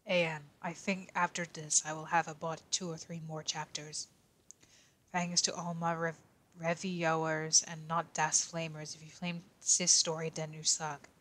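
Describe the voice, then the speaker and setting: Quiet young male detective, woman voicing: low, flat, in-character fanfic reading.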